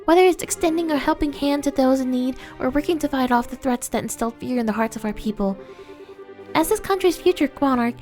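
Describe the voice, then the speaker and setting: A woman's voice: high-pitched, fairly quick, a little mellow, soft background music, voice pushed up, close to an everyday voice. A woman voicing a gracious young princess who gives a formal, heartfelt speech of thanks. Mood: earnest.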